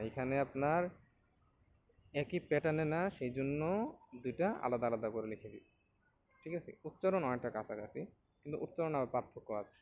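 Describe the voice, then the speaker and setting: A man teaching a beginners' reading lesson, patiently explaining and repeating each letter slowly for learners to copy. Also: medium pitch, noisy background. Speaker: Quran teacher.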